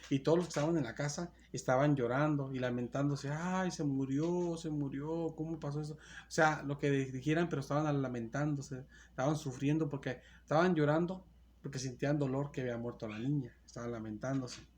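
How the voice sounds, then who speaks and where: A male preacher gives an earnest sermon at a medium pitch. He reads a verse aloud and then retells it in repetitive, plain phrases, stopping to restart and correct himself. A faint hiss of noise sits behind his voice. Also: brisk, darkish tone.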